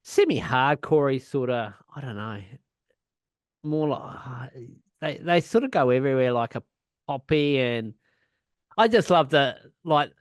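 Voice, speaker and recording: A man's voice: mid-range voice, expressive, unhurried, clear, resonant tone, no room sound, studio quality. A man co-hosting a punk podcast in casual chat, rambling, swearing a lot and laughing often. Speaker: podcast co-host.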